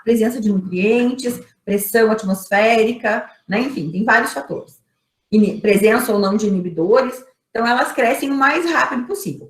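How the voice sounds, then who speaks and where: A woman with a Brazilian Portuguese accent teaching an online microbiology class, explaining step by step, asking rhetorical questions and checking in with her students. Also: on the high side. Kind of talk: online lecture. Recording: echoey room.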